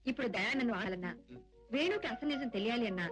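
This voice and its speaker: A woman's voice: fairly high pitch, animated, rapid-fire, a bit bright. An actress playing an earnest, emotional young woman in a film soundtrack with background music. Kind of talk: dubbed film acting.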